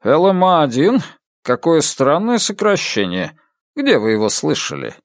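A man's voice: fairly high pitch, sing-song, moderate pace, no echo, pitched above the performer's own voice. A wary scientist who dodges questions with hesitant, polite answers, read by a male narrator in a slightly raised voice. The speech rises and falls animatedly. It is recorded dry and close. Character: evasive male American scientist, guarded.

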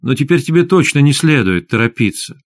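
A man reading an audiobook, voicing a calm, sly young woman in a soft, persuasive way. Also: medium pitch, brisk, no room sound, studio quality, natural voice. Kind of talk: audiobook character voice.

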